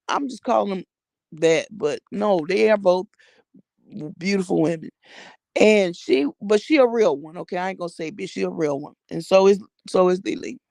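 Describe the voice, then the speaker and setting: With a gravelly, mid-range voice and no room sound, an American woman vlogs about social media personalities. Her gossip commentary is casual, blunt, slang-heavy, and full of swearing, with phrases repeated for emphasis.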